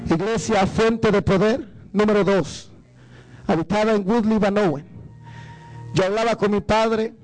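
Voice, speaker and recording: A man's voice: a little mellow, rough recording. A man from Guatemala, preaching an evangelical sermon as a guest preacher and rising into fervent preaching. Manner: rises to fervent, high-pitched preaching.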